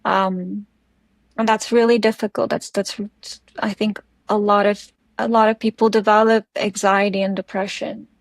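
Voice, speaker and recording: A South African woman with an Afrikaans accent and Afrikaans as her first language, speaking thoughtfully and haltingly as an interview guest. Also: mid-range voice, flat delivery, no room sound. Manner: thoughtful, halting, searching for words. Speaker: podcast guest. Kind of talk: reflective interview conversation.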